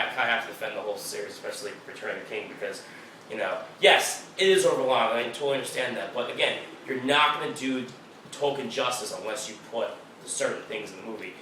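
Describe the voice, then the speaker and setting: A man's voice: mid-range voice, quick pace, pushed and bright, distant mic, slight background noise. A man co-hosting a casual film chat, emphatic and swearing freely. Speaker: podcast co-host. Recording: echoey room, off-mic.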